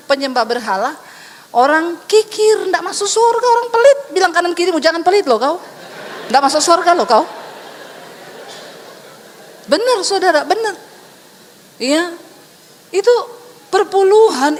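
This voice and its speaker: Woman pastor, high-pitched, emphatic sermon, rhetorical questions, long hall echo. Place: church hall.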